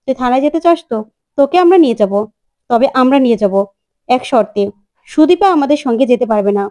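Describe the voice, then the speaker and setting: A woman voicing an angry, protective middle-aged mother who snaps back fast. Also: high voice, natural voice. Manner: fast, sharp, refusing.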